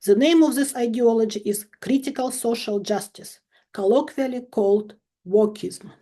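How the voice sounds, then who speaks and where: Fairly high in pitch and mellow, this voice belongs to a fifty-something Ukrainian woman, a chemistry professor. Her recorded lecture is deliberate and emphatic, with dry irony running through it.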